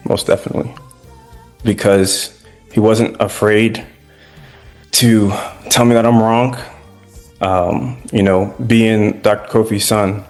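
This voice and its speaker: Young man with a low voice, earnest. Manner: earnest, casual with fillers. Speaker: former student giving a reflection. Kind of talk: spoken tribute.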